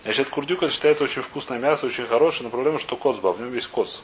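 A man leading an informal religious text class, reading aloud and then explaining, often halting to search for words and asking himself questions. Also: mid-range voice. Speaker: teacher of a Talmud class. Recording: clear background hiss and noise.

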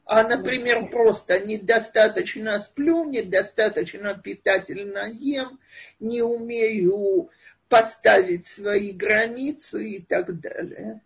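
A woman's voice: mid-range voice, takes it slowly, gravelly, slightly rough, dull audio. A woman giving an online lecture and answering questions in a thoughtful, hesitant way, recorded over a video call.

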